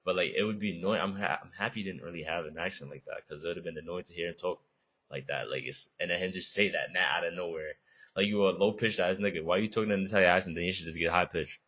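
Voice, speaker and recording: A man's voice: low-pitched, fairly even intonation, fast talker, a bit bright, breathy edge. A young man co-hosting a podcast, chatting casually in a slangy, laid-back way with frequent swearing. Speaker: podcast co-host. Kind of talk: casual chat.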